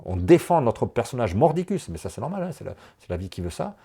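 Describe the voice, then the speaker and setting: A man coaching a woman through a personal session, animated and encouraging, talking in quick bursts. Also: mid-range voice, gravelly, husky. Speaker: enneagram coach.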